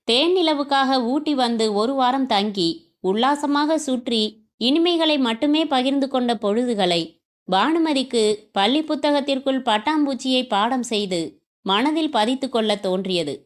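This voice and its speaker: A woman's voice: high-pitched, a little slow. A woman narrating a family novel aloud, reading every character's lines in her own voice with small shifts.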